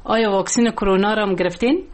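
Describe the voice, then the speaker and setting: Afghan woman asking interview questions, conversational, normal pitched voice. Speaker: radio interviewer.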